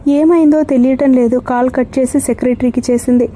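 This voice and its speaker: Mellow-voiced woman narrating a crime novel. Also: high voice, brisk, slight background noise. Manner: steady storytelling. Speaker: audiobook narrator.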